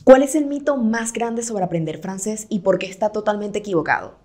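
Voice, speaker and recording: A woman's voice: medium pitch, fairly quick, warm tone. A woman podcast host who interviews a guest with brief, direct questions.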